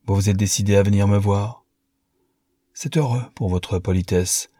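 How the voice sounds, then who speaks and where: A vain, scheming young Parisian woman, delighted to be fought over, as a male reader puts her on. The voice stays deep and husky, and it is recorded dry. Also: fairly even intonation, moderate pace, mellow, no echo, natural voice. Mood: coquettish. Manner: coquettish, mocking.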